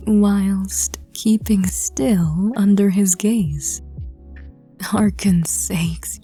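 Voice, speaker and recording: A woman narrating in a hushed, breathy, intimate whispered role-play, addressing the listener directly. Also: mid-range voice. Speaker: audio drama reader.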